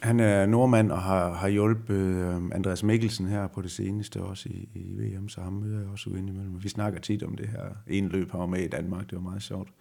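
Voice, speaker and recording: A middle-aged man, a former rally driver, answering interview questions slowly and reflectively, often pausing to find his words. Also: low voice, level tone, creaky, warm tone. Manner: slow, reflective, halting. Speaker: retired rally driver as guest. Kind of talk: conversational interview.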